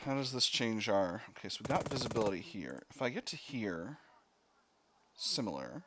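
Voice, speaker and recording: A man's voice: fairly low pitch, big pitch swings, moderate pace, a bit bright, slight background noise. A man hosting a video game let's play, thinking aloud as he talks through each decision step by step with mild exclamations.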